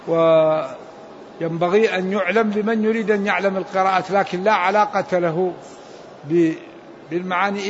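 A man with a high voice teaches in an explanatory way, repeating key words and giving short prompts to carry on. The sound is dull and lo-fi, with a faint hiss under it. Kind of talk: explanatory lesson commentary.

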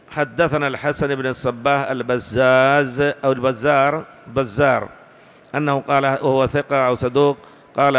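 A man's voice: mid-range voice, a bit bright, smooth. Man teaching hadith in an echoing hall. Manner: slow, deliberate reading with pauses to correct wording. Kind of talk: classical hadith lesson commentary. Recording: long hall reverb.

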